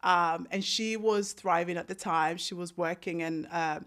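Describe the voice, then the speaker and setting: Kenyan-born woman in her thirties, interview guest and author; animated storyteller who acts out quotes. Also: fairly low pitch, a little slow.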